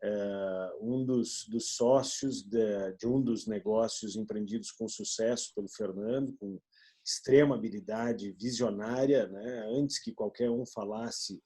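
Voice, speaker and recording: Man, 40s, from Rio Grande do Sul, business partner, halting with fillers, husky, mellow. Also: lowish voice. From Rio Grande do Sul, Brazil. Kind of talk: video meeting talk.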